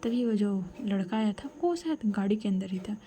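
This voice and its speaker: A young woman narrates a serialized romance in a soft, breathy half-whisper, dropping casual asides to the listener as she goes. Her voice is mellow rather than bright, and her pitch is ordinary. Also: lively intonation, normal speed, slight background noise. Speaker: storyteller. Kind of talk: hushed serialized story narration.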